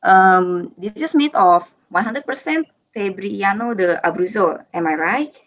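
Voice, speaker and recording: A woman's voice: mid-range voice, animated, unhurried, low-quality recording. A young woman from Indonesia, a sommelier, chatting casually while tasting wine on a video call. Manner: casual, chatty, informal phrasing. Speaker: sommelier guest.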